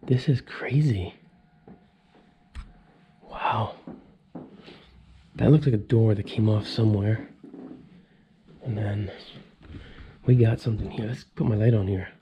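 Excited man touring an empty mansion. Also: lowish voice, slow pace, pauses often, dull audio, a little hiss or hum. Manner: excited, awed exclamations, thinking aloud. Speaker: urban explorer vlogger. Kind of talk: casual walkthrough vlog. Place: large empty indoor mansion rooms. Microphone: handheld action camera at arm's length.

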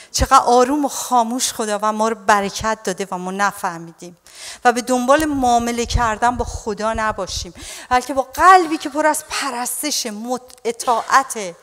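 A woman pastor preaching a sermon in an animated way, often calling her listeners dear ones. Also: a little high, in a large hall.

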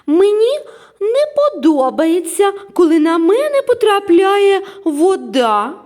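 A woman doing a squeaky, hissy storybook cat girl. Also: big pitch swings, slow pace, full character voice. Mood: irritated. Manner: sharp, hissing exclamations. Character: proud young female cat who hates water.

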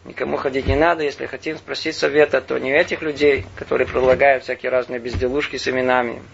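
A man, a rabbi, giving a Torah lesson in a thoughtful way, often pausing to search for words. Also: mid-range voice, little pitch movement, gravelly, muffled recording, a little hiss or hum. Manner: thoughtful, searching for words with many pauses and fillers.

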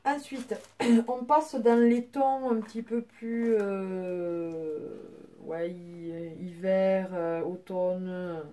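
A beauty vlogger, a young woman at home, gives a casual show-and-tell of her nail polish collection in a chatty way, full of fillers and restarts. She speaks very slowly in a mid-range voice with fairly even intonation and a dark tone.

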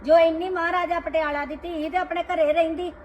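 An actress playing a middle-aged sister-in-law who scolds with indignant rhetorical questions, speaking Punjabi-accented. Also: female voice, extremely high pitch, flat delivery, brisk, over a noisy crowd. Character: sister-in-law defending her household, middle-aged woman. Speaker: actor in a family drama. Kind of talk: scripted short film acting.

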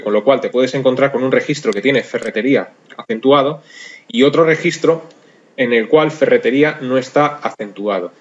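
A man narrating a software screencast tutorial in a conversational way, talking straight to his viewers. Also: medium pitch, muffled recording. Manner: conversational, addresses viewers directly. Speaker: software instructor.

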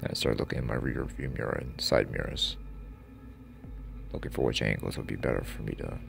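Male horror storyteller, extremely deep and gravelly, halting, hushed whispers. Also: over music. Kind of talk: first-person horror story narration.

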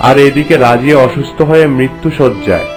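Voicing a storytelling royal courtier in a cartoon, this man speaks with lively intonation at medium pitch, slightly fast and lightly acted. The scripted lines are formal, solemn and reverent as he explains matters to his queen, with music running beneath.

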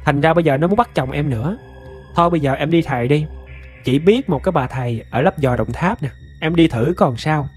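A man's voice: fairly high pitch, a little fast, slightly rough, faint music behind. A man voicing a worried elderly grandmother in a spoken ghost story, giving confiding advice. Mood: concerned.

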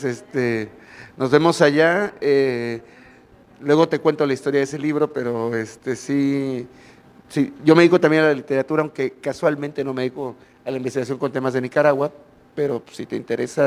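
A man's voice: medium pitch, steady tone, fairly quick. A man from Mexico with a Mexican accent, commenting from the audience at a conference on a handheld mic, friendly and rambling with many fillers. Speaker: audience member. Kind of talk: question from the floor. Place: conference hall, indoors.

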